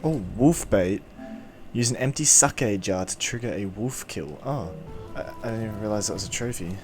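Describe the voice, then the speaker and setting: A man's voice: fairly low pitch, animated, moderate pace. A man with a broad New Zealand accent casually reacting to a video game in a laid-back, slangy way. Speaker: gamer. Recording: game music behind the voice. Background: video game music.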